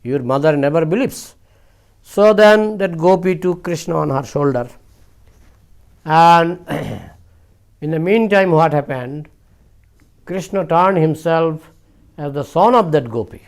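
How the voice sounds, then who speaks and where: A man's voice: fairly high pitch, animated, takes it slowly, creaky, long pauses. Man telling a devotional story. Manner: repetitive, with frequent "you know" and "I mean". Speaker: spiritual speaker.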